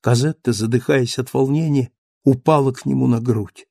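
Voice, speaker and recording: A man narrating a classic novel as an audiobook with steady, measured delivery. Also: mid-range voice, vocal fry, no echo, studio quality.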